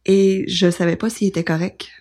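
A woman's voice: fairly low pitch, little pitch movement, moderate pace, warm tone. A woman in her thirties with a Québécois accent, telling her birth story in a rambling, casual way with many restarts and fillers. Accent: Québécois French. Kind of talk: casual conversation. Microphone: podcast microphone.

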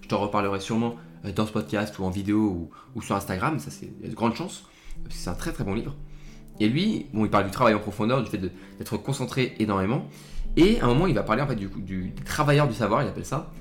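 Young male podcast host, quick and rambly, full of fillers, talks straight to the listener. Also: fairly low pitch, expressive, faint music behind. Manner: rambling, many fillers and restarts, friendly direct address. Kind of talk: casual solo podcast talk.

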